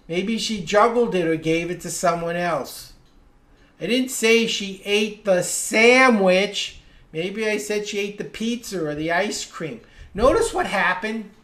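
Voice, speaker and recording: Patient reading instructor in a roomy echo. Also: mid-range voice. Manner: explains patiently and stresses single words to show inflection. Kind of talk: live webinar lesson.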